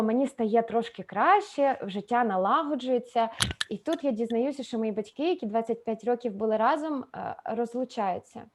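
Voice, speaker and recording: A woman in her thirties hosting a meditation event over a video call, telling a personal story in an unhurried, hesitant way with many fillers. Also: a little high, darkish tone.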